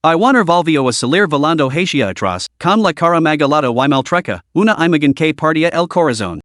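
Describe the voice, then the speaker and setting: A man narrating a comic-style fantasy story summary in a steady, even storytelling manner. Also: a little high, a little fast, dry recording, studio quality.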